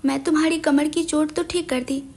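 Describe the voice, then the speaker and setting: A woman's voice: high voice, fairly even intonation, normal speed, darkish tone. A woman reading the lines of a drunk, childish young man who sulks and pleads in a storybook romance. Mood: sulky, tipsy. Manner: sulky, whiny pleading.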